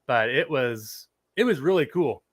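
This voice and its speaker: With a medium pitch, lively intonation and a measured pace, a man hosts a casual live chat stream. His voice is a little scratchy from a lingering cold, and he rambles chattily while reading viewers' messages out loud.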